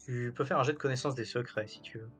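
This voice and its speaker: A male game master narrates a tabletop role-playing session. His pitch sits in a middle range for a man, and faint music plays behind him. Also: fast, fairly bright tone.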